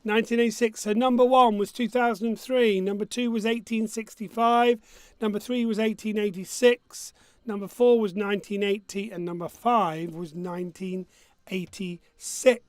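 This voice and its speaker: High-voiced man quizmaster with a missing front tooth. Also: fairly even intonation, normal speed, dry recording. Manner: jokey, self-mocking. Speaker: quiz host. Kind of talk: casual quiz hosting, reading questions and answers.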